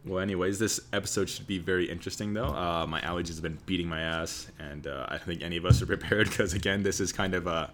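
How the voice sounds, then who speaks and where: A podcast host leads a casual group show from a garage whose door is cracked open near a main road, leaving slight background noise. He talks quickly with few pauses in a low, steady, fairly bright voice, into a USB desk mic with a pop filter.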